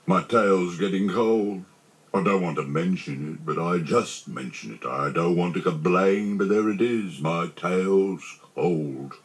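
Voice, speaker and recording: A man with a deep voice plays a gloomy, self-pitying old donkey in a children's storybook. He sounds put-upon, delivering his lines slowly and mournfully with plenty of grumbling and complaint.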